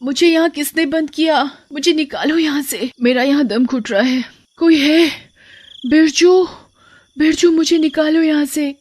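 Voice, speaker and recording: A woman's voice: sits high, a little slow, pitched above the performer's own voice. A woman doing a desperate trapped bride's ghost. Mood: panicked. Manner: desperate calling, whispered moaning.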